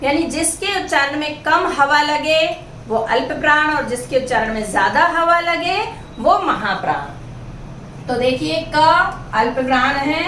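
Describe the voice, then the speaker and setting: A woman's voice: high-pitched, expressive, a little slow, bright, forceful tone. A woman teaching a Hindi grammar lesson, patiently spelling out each letter one at a time. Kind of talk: grammar lesson explaining consonants. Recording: echoey room, mic at a distance, faint hiss.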